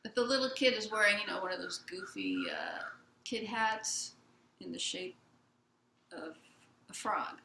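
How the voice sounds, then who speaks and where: A woman Zen teacher giving a gentle, unhurried dharma talk in a meditation hall, retelling a children's picture book for her listeners. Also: mid-range voice, big pitch swings, gravelly, a little hiss or hum. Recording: roomy hall sound.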